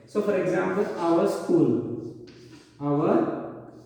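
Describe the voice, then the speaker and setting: A male teacher with an Indian English accent gives a classroom grammar lesson step by step, repeating himself often and using many fillers. His voice is high-pitched and mellow, with drawn-out words and vocal fry. The recording sounds echoey, like a hall, with the mic far off.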